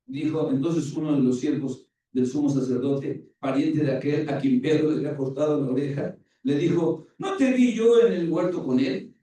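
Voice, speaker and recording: A man preaching a sermon as pastor, retelling scripture with lively acted-out dialogue. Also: fairly high pitch, normal speed, hardly any pauses. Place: church. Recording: very echoey church hall, distant mic.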